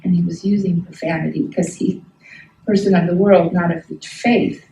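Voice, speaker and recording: A middle-aged woman teaches a class in an emphatic, folksy way and keeps asking her listeners questions. Her voice is soft and mellow. She sounds a little distant from the mic, in a room with plenty of echo. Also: fairly low pitch, steady tone, moderate pace, a little hiss or hum. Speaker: health ministry instructor.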